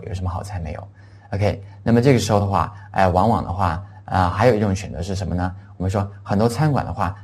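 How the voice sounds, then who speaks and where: A middle-aged man giving an English lesson, spelling words out letter by letter and repeating phrases slowly for students to follow. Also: sits low, darkish tone, husky. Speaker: English teacher. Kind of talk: classroom language lesson.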